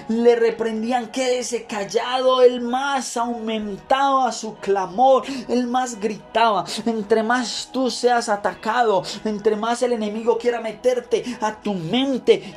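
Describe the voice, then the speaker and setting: A man preaching a devotional sermon with fervent emphasis, driving his points home by repeating words and phrases. He reads scripture aloud as part of the message. Soft music plays faintly underneath. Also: very high voice. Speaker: pastor.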